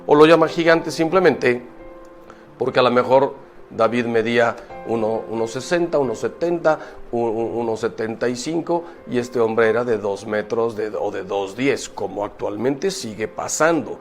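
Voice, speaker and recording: A priest preaching, emphatic and full of rhetorical questions, moving from loud exclamations to quiet asides. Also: male voice, medium pitch, moderate pace, soft background music. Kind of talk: preaching talk.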